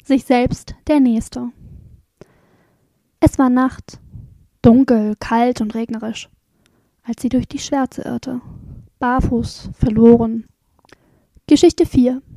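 A woman narrates sombre stories in a high, mellow voice. She reads slowly and dramatically, letting lines fall to a near whisper. The recording is close and dry. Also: no room sound. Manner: slow, hushed, often dropping to a whisper. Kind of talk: dramatic storytelling reading.

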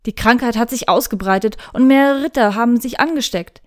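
A woman's voice: on the high side, brisk, darkish tone, lightly acted. Woman doing an anxious young knight, earnest, urgent, storybook reading.

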